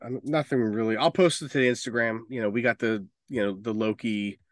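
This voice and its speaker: This podcast co-host speaks at a medium pitch, a little quickly and with fairly even intonation, in a dry studio-quality recording. He rambles through opinionated takes on movies and video games, dropping some swear words along the way.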